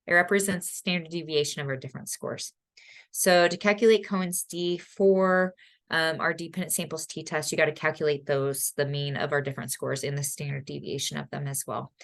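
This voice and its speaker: A woman's voice: deep voice, a bit bright. A woman lecturing online as a college statistics instructor, chatty, with frequent ums and self-corrections.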